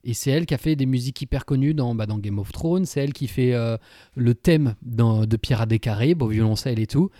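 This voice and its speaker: A young man chatting casually with a friend, slangy and relaxed, with lots of hesitations. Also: medium pitch, brisk, dry recording, clean studio sound. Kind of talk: casual chat between friends.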